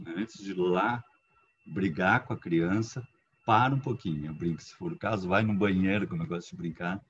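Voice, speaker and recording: A man with a Brazilian Portuguese accent giving a spiritist talk on family education, speaking conversationally and often tagging his points with questions to the listener. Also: on the low side. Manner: conversational, frequent tag questions. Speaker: lecturer. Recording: dull lo-fi with faint background noise.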